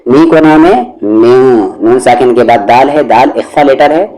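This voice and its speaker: A man teaching recitation word by word, spelling out each syllable and then reciting the words slowly and drawn out. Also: medium pitch, mellow, rough recording. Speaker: Quran teacher.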